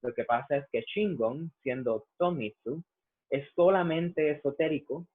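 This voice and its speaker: Puerto rican man, buddhist reverend, measured explaining, phone-like sound. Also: on the high side. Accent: Puerto Rican Spanish. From Puerto Rico. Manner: measured, frequent "eh" fillers. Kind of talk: explanatory interview answers. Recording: tinny phone-like line.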